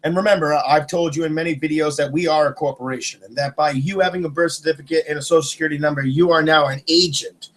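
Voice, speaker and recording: A man's voice: a little high, fairly even intonation, fast talker, few pauses, a bit bright. A man vlogging a profane, rambling political rant, agitated and swearing. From United States.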